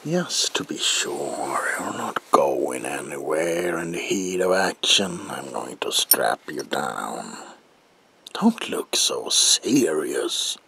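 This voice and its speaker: A man playing a gleefully menacing clown supervillain as a mad doctor in an ASMR roleplay, with a gravelly, breathy voice and theatrical, drawn-out phrasing. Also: extremely low pitch, pushed and bright, heavily acted. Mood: manic, menacing.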